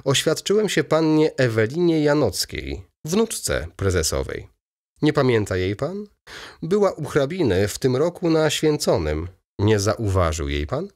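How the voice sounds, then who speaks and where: A man reading an audiobook voices a fussy, excitable aging male baron in a raised, eager, chattering manner. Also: medium pitch, a little slow, voice pushed up.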